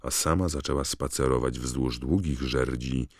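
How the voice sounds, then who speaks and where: Very deep, gravelly male narrator. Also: fairly even intonation, moderate pace, no echo, clean studio sound. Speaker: audiobook narrator. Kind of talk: scripted narration.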